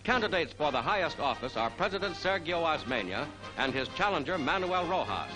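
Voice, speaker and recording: A man narrating a 1940s newsreel in a brisk announcer delivery, in the manner of old newsreel narration. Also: a little high, very animated, poor audio. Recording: old newsreel soundtrack with loud music. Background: loud music.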